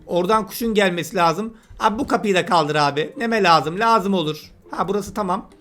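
Male let's-player, high bright voice, chatty and teasing, banters with on-screen creatures over soft music. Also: brisk. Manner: chatty, teasing, talks to game characters. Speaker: gameplay commentator. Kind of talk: casual let's-play commentary.

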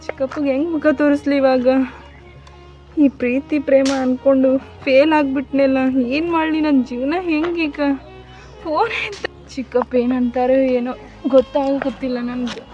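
A guilt-ridden young student, tearful and self-reproaching, speaks with a North Karnataka Kannada accent, played by a young woman. Her voice sits high, ringing through a very echoey, dull lo-fi recording with music underneath. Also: steady tone, normal speed, warm tone, lightly acted. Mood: worried. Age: young adult. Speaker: college student. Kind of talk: amateur short film acting.

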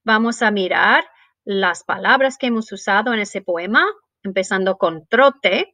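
A woman teaching a bilingual music lesson to young children, switching between English and Spanish and speaking slowly and clearly. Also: mid-range voice, bright, forceful tone, no echo. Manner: sings and chants rhythm words.

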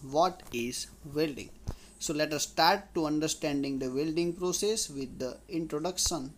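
A man, giving a slide lecture as an engineering tutor and explaining step by step while restating his points. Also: a little high. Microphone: voice-over on slides.

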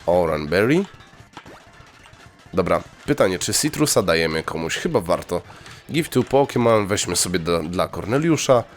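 Excitable young man commenting on gameplay. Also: moderate pace, soft background music. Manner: excitable, swears, sudden high yelps when thrilled. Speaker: let's play gamer.

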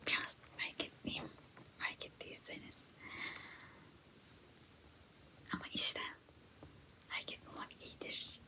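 A young woman performs a whispered role-play in a quiet, late-night hush. She acts out a smug, self-absorbed ASMR girl, full of self-praise and theatrical grumbling, all in breath with no voiced tone. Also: moderate pace, low-quality recording. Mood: self-admiring. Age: young adult. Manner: self-admiring, theatrically complaining. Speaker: ASMR creator. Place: small indoor room.

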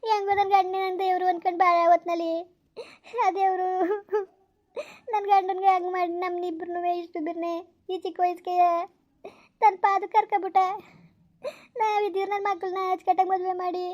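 A woman's voice: very high voice, flat delivery, quick pace. A woman voicing the grieving spirit of a dead village mother in a skit, lamenting and tearful. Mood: sorrowful. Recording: dull lo-fi recording.

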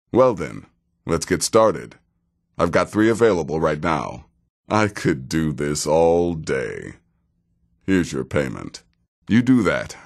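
In this heavily acted video game dialogue, a cynical male assassin from a fantasy world speaks in a very deep voice, slow, deliberate and dry. His deadpan still swings widely in pitch, lending his sardonic wit a lively shape, and he sounds wry and impressed.

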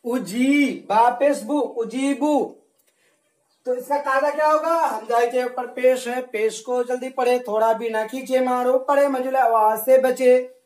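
Male teacher, slow patient delivery, quizzing pupils with call-and-response, roomy echo. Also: very high voice, steady tone, darkish tone. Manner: slow, repetitive drilling with call-and-response questions. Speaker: religious studies teacher. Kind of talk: recorded classroom lesson.

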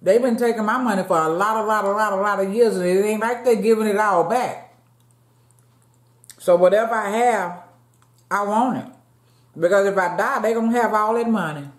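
A mukbang vlogger in her late 50s, filmed by a fixed camera across her table in a dim room at home, chats casually with y'all while eating. Her medium-pitched voice keeps a normal pace, with long pauses, and the room echoes.

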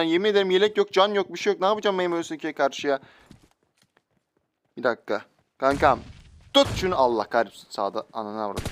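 A young man giving lively, joking commentary while playing a mobile shooter, talking back at his in-game enemies. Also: fairly high pitch, a little hiss or hum. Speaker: gaming YouTuber. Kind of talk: live gameplay commentary.

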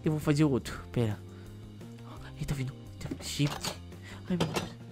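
A man's voice: a little high, lively intonation, a little fast, over loud music. A man voicing a bratty, easily stressed little boy with a whiny, panicky manner and cheeky insults, in a Minecraft role-play. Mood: scared.

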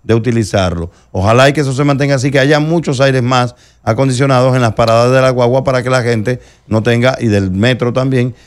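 A Dominican man of medium pitch presents news items on a talk show. He speaks conversationally and pauses often with hesitations. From Dominican Republic. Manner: conversational, with frequent "eh" fillers. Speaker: show host.

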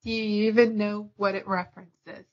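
A woman's voice: mid-range voice, level tone, normal speed. A woman hosting a podcast in casual chat, giggly and chatty, often laughing. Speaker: podcast host. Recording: dull lo-fi podcast audio.

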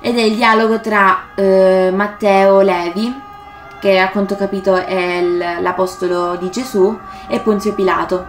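A woman's voice: medium pitch, little pitch movement, unhurried, soft background music. A woman reading passages from a novel aloud and commenting on them casually, with hesitations and self-corrections. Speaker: book vlogger. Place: room indoors. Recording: roomy echo.

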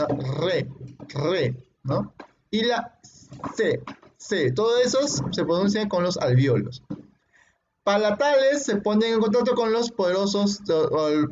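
A male teacher with a high voice walks his students through phonetics, sounding out each consonant slowly and checking in with a quick question after nearly every phrase. He praises his students warmly when they answer. The recording is muffled and lo-fi, with a faint hiss and occasional clicks underneath. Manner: explains patiently and often ends phrases with "¿no?"; demonstrates sounds by repeating them slowly. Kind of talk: classroom lecture.

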